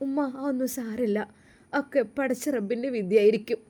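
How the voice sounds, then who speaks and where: A woman with a Malappuram Malayalam accent voicing a gentle, wounded young wife who speaks softly and respectfully. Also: a little high, moderate pace, close to an everyday voice. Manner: soft, respectful, self-reproaching.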